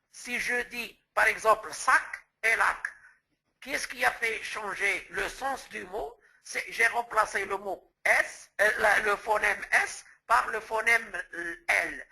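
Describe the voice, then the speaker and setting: Male trainer from Morocco, slow deliberate lecture delivery, high voice, patient step-by-step explainer. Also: gravelly, pushed and bright, slightly rough, rough recording. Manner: explains step by step, restating terms and giving word examples. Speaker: teacher trainer.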